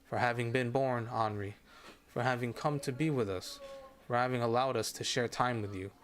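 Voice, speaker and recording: A man voicing a calm male wanderer who speaks softly and evenly. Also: mid-range voice, lightly acted. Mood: gentle, tender. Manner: soft, quiet and measured. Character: calm immortal male wanderer, gentle and quiet.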